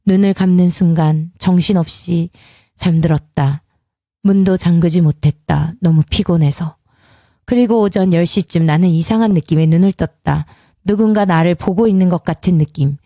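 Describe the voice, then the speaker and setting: A woman's voice: on the low side, normal speed, dark tone, no room sound, clean studio sound. A woman narrating a tense family drama. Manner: tense first-person storytelling. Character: young mother, frightened and defiant. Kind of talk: scripted narration of a dramatized story.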